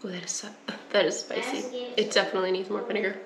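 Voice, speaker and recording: Over a noisy crowd, a young woman with a medium-pitched voice talks fast as she walks through a home cooking project, chatting and laughing easily and coughing at the pepper fumes. The homestead cooking vlogger is captured by a wide camera on the counter in an echoey kitchen with background noise.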